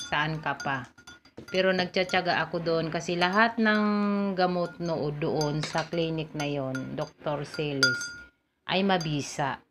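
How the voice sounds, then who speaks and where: A woman's voice: deep voice, fairly bright tone, a little hiss or hum. A middle-aged woman with a cough, chatting casually and explaining a home remedy step by step in a home vlog. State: has a cough. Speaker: vlogger.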